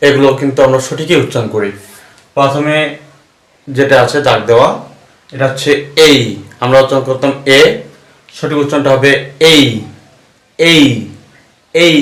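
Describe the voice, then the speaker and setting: A man with a Bengali accent giving a patient pronunciation lesson, repeating each sound slowly and explaining mouth positions. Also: medium pitch, a bit bright, echoey room. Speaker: English pronunciation teacher. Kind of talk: classroom-style lesson.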